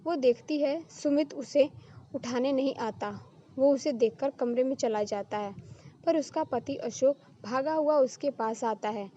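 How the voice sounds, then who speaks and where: A woman narrating a story in a steady, expressive storytelling manner. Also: high voice, measured pace. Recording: slightly muffled with faint hiss.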